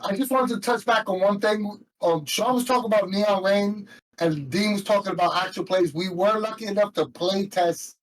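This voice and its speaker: A man's voice: high-pitched, poor audio. A man from New York with a New York accent, co-hosting a casual chat and speaking in an opinionated, outspoken way. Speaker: co-host.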